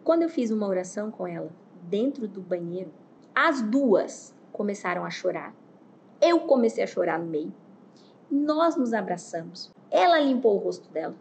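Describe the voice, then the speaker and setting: Woman, therapist, motivational storytelling, animated, repetitive, gravelly, slight hiss behind. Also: mid-range voice, moderate pace. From Mato Grosso, Brazil. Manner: animated and repetitive, with vivid retelling. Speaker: therapist and speaker.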